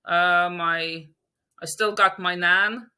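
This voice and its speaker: A Latvian woman whose native language is Russian appears as a podcast guest, chatting casually in English in an interview. Her voice is fairly low, steady, slow, pushed, bright, and clean, and she sounds hesitant, using many fillers and restarts and laughing often.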